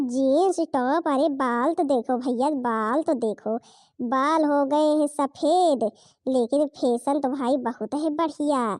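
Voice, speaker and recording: A woman voicing a gossiping village woman who scoffs at an old lady's makeup, in a high, dry voice. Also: darkish tone, no room sound. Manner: scoffing, mocking tone.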